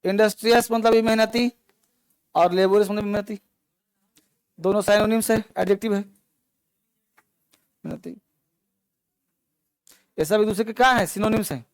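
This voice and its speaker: A male teacher, giving a classroom grammar lesson and explaining slowly while he drills his students through repeated examples. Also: high voice, smooth, no room sound, rough recording.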